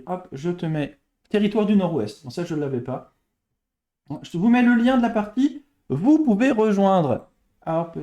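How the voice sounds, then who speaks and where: High-voiced man chatting on a live stream. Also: dark tone. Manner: chatty, greets and thanks viewers, thinks aloud over answers. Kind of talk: casual live-stream chat while playing quiz games.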